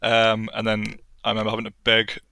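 A man's voice: lowish voice, monotone, brisk, gravelly, sharp tone, no room sound. A man in his thirties with a Geordie Newcastle accent, chatting casually as a podcast guest. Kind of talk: casual interview chat.

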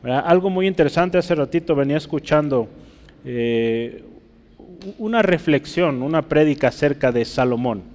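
A man preaching a teaching sermon, his voice set a little high and carried by a long hall reverb. He explains scripture patiently and keeps asking his listeners for agreement. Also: animated, moderate pace, darkish tone. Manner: teaching, rhetorical questions, asks listeners for agreement; writes on a board while speaking.

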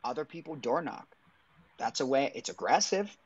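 A man on a livestream talking through practical advice in a relaxed conversational way, often saying "I mean". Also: mid-range voice, moderate pace, slightly rough, no room sound, highs cut off. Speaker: guest sharing business advice. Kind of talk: casual chat.

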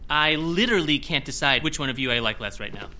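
A man's voice: fairly high pitch, animated, quick pace, background noise, natural voice. A man voicing an earnest young IT technician with a dry, exasperated manner.

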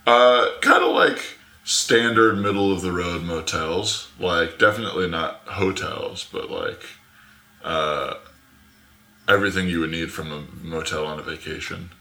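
A young man from Arizona with a deep, gravelly voice talks casually as a podcast guest. He rambles in loose, filler-heavy sentences. The sound is roomy and echoey. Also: lively intonation, measured pace, pushed and bright. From Arizona, USA. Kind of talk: casual chat. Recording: echoey room.

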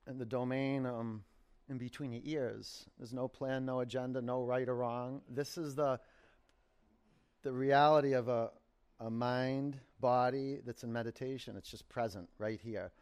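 A man teaching yoga and meditation, giving guided instructions in unhurried short phrases with pauses between them. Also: mid-range voice, steady tone, darkish tone, clear, resonant tone.

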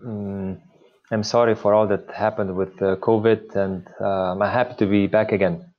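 Slovenian-accented male priest, interview guest, halting delivery, muffled remote sound. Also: on the low side, flat delivery. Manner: hesitant, many filler pauses. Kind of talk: interview conversation.

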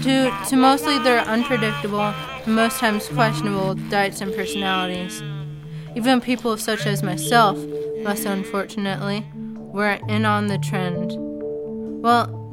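A woman narrating a comedic story in a casual, sarcastic way. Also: medium pitch. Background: faint background music.

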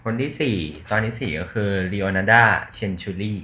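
A man's voice: fairly low pitch, fairly quick, pushed and bright, roomy sound. A man co-hosting a podcast in casual chat, laid-back, with short replies and blunt summaries. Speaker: podcast co-host.

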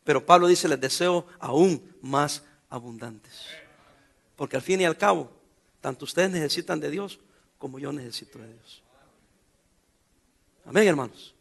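A middle-aged man preaching a sermon, his voice high for a man, bright and gravelly. He jokes, turns sarcastic and talks in everyday slang to the congregation. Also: moderate pace, long pauses. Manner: sarcastic, joking, colloquial preaching. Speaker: pastor.

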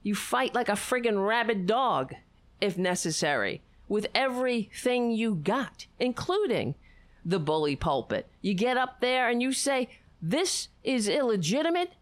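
An American woman hosting a political show, speaking in an impassioned rally-speech manner with emphatic, halting phrases and repeated rallying lines. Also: medium pitch, lively intonation.

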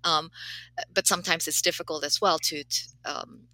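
A woman with a low, bright, crisp voice speaks as a guest in a casual interview. She is a professor from Malaysia and Canada who talks thoughtfully, pausing often on fillers. The sound is dry and close. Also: fairly even intonation, no echo, low-quality recording. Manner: thoughtful, hesitant, many fillers.

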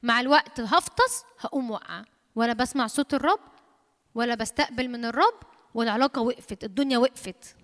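A woman with an Egyptian Arabic accent preaches quickly in a high voice. She repeats her points for emphasis and quotes scripture. Her voice rings with the long reverb of a church hall. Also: a bit bright. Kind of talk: sermon.

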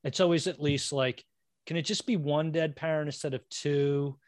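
A man's voice: on the high side, steady tone, normal speed, no echo, clean studio sound. A man rambling in casual movie chat, full of fillers and self-deprecating asides.

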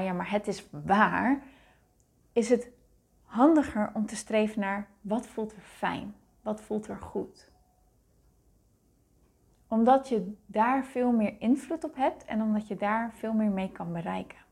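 A woman hosting a solo podcast, talking in a gentle, searching way with many restarts. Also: fairly high pitch. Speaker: podcast host. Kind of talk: reflective solo podcast talk.

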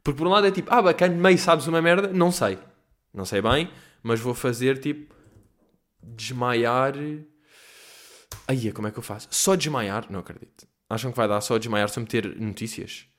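A man with a European Portuguese accent hosting a solo comedy podcast from home, rambling and swearing, jumping between loud outbursts and low mutters. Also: animated, moderate pace. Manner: profane, digressive, mixes in English phrases. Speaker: podcast host. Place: at home in quarantine.

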